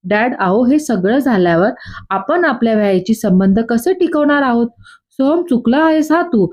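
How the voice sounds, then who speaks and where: A woman's voice: fairly high pitch, animated, normal speed, a little mellow. A woman voicing a scheming woman who needles and stirs family trouble. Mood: sly. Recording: dull lo-fi.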